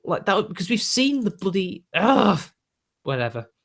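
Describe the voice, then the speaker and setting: A creaky, somewhat bright voice that sits high, very animated but at a normal speed, belongs to a British YouTube host in his 20s who sounds young. He chats with viewers in an exasperated rant, using lots of fillers.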